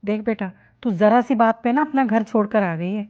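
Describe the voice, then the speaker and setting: An actress playing a patient middle-aged mother who gently lectures her daughter in a scripted family drama. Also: mid-range voice, normal speed, lightly acted. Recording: slightly dull lo-fi recording.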